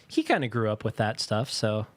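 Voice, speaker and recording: Animated young man telling stories. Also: moderate pace, no echo. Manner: animated storyteller, swears, jumps into high put-on voices. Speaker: podcast co-host. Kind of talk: casual chat.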